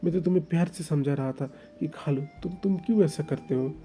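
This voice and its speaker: A man's voice: a little high, fairly quick, dark tone, faint music behind, voice pushed up, lightly acted. A man voicing a domineering young husband who coaxes and warns in turn, stammering a little. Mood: coaxing. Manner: coaxing yet menacing, stammers. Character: possessive, domineering young husband, soft then threatening.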